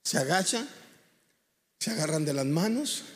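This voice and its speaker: Pastor guy preaching, tells it like a story w slangy asides, voice kinda high, big echoey church hall. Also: big pitch swings, a little slow. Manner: vivid storytelling with colloquial asides. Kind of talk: storytelling sermon.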